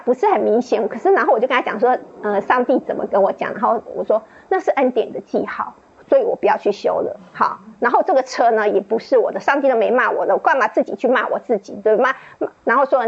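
A woman's voice: gravelly, slightly rough. A woman sharing a personal faith testimony in a book club, telling her story casually with many restarts and fillers. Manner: laughs often, rising high when laughing. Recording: dull lo-fi recording.

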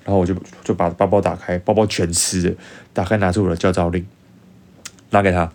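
Low-voiced young Taiwanese man storytelling. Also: fairly quick. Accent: Taiwanese Mandarin. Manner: animated, acts out dialogue in changed voices. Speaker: vlogger. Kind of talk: casual storytelling to camera.

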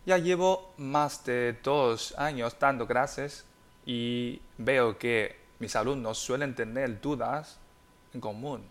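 Very slow-speaking male Chinese teacher. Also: medium pitch. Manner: slow, deliberate, spelling out words and tones. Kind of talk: language lesson podcast.

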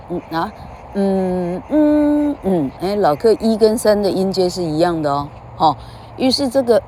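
A woman's voice: mid-range voice, dark tone, slight background noise. A woman giving a comedic mock English lesson, lecturing and singing out long drawn vowels. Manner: lecturing, sings out drawn vowels, tags lines with "哈".

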